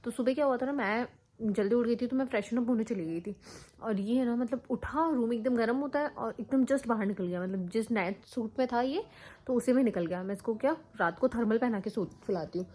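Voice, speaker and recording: A young woman chatting casually in a home vlog, a mother talking softly about her sick child and cooing at him in a higher voice, recorded on a phone in a bedroom. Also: fairly quick. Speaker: vlogger and mother.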